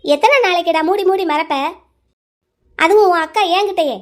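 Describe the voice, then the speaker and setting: A woman's voice: very high voice, moderate pace. A woman voicing a protective older sister in a cartoon drama, scolding her younger brother bluntly. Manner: scolding, forceful.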